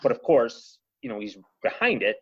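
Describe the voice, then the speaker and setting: A man's voice: mid-range voice, moderate pace, creaky, husky, no room sound. Brief: male podcast guest, rambling storyteller, dry close sound, a bit muffled. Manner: rambling, animated, lots of "you know" and "he goes". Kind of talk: casual storytelling. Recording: slightly muffled podcast audio.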